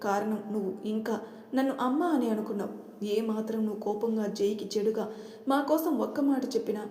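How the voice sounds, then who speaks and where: Woman doing a middle-aged mother, stern, remorseful, mellow voice, echoey room. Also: fairly high pitch, normal speed, natural voice. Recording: roomy reverberant room.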